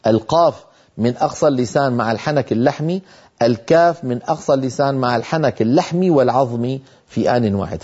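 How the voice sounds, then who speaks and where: A man gives a patient tajweed lesson, explaining how Quranic sounds are formed and slowly sounding out the example syllables. His voice is warm and mellow. The recording is a little dull and lo-fi. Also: medium pitch, breathy edge. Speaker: Quran recitation teacher.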